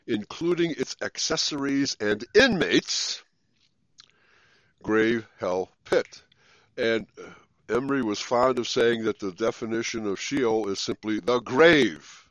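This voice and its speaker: A man leads a Bible study over a bad connection that keeps breaking up. His voice sits a little low and halts often, with fillers and restarts. The audio is dull, lo-fi and dry, with no room sound. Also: no room sound. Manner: halting, with many fillers and restarts. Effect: breaking-up bad internet connection. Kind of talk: online Bible study talk.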